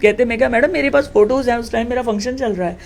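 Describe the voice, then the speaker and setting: A woman's voice: a little high, quick pace, slight background noise. A woman who heads her village, recounting a confrontation with the police in an interview and acting out the dialogue emphatically. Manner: emphatic, acts out quoted dialogue. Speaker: village head.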